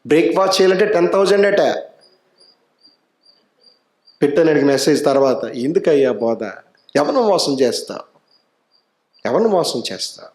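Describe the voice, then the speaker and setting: A man's voice: a little high, a little mellow, echoey room. A man with an Andhra Telugu accent preaching a sermon as an evangelist, asking the congregation rhetorical questions and telling stories in quoted voices. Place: church anniversary meeting hall.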